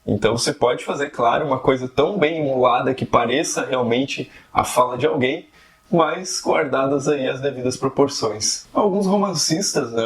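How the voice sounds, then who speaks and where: A man giving a casual, conversational video lesson on fiction writing, often tagging questions onto his sentences. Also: mid-range voice. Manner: conversational, frequent tag questions. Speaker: writing teacher.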